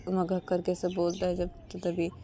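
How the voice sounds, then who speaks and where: A woman's voice: on the low side, monotone, brisk, mellow, a little hiss or hum. A woman narrating a romantic story in a casual, repetitive way, chaining events together with filler links.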